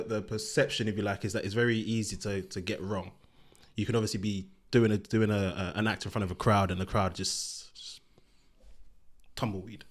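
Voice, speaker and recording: A male podcast host asking long, rambling interview questions, restarting often and hedging with "if you like". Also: on the low side. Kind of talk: casual interview chat.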